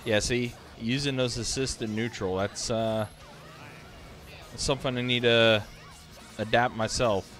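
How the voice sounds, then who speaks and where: A man's voice: medium pitch, steady tone, unhurried, pauses often, fairly bright tone, faint music behind. A sleepy man casually commentating fighting game matches on a live stream, thinking aloud with many fillers. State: sleepy, yawning.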